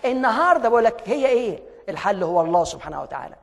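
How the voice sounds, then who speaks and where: An Egyptian man gives a motivational lecture at a breakneck pace. His voice sits very high and he tells stories with energetic emphasis. A long hall reverb trails behind him. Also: racing, creaky. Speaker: motivational speaker.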